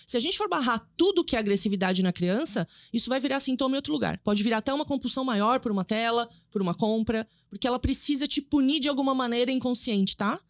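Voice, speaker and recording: A woman psychoanalyst talks through her ideas at a quick clip, with lively emphasis on key words. Her voice sits a little high. The sound is close and dry, with no room around it. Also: dry recording. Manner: fast, explanatory, lively emphasis. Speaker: psychoanalyst guest. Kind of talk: casual podcast conversation.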